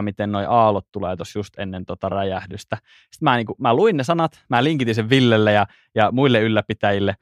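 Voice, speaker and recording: Chatty man with a low voice. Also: no room sound, clean studio sound. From Finland. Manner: chatty, laughs easily, anecdotal. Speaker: podcast host. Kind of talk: casual podcast conversation.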